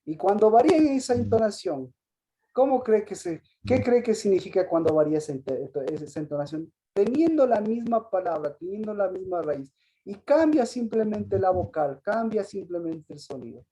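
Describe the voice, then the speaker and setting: A woman leads a Sabbath Bible lesson in a warm, mellow voice of middle pitch. She keeps asking her listeners questions, restarts her phrases and clears her throat now and then. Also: animated, moderate pace. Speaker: Bible teacher.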